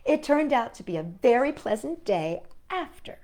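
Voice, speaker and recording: This storytime host has a fairly high, slightly mellow voice that swings widely in pitch while keeping a normal pace. She reads stories and poems for children expressively and addresses the little ones directly.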